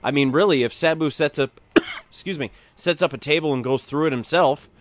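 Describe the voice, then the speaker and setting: A man's voice: on the high side, fairly quick, noisy background. A man giving casual, explanatory wrestling commentary as an analyst in a conversational manner.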